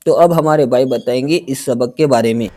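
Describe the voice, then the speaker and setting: Mellow-voiced man introducing a lesson. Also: mid-range voice, normal speed. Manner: lays out the lesson's two rules step by step before handing over. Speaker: lesson presenter.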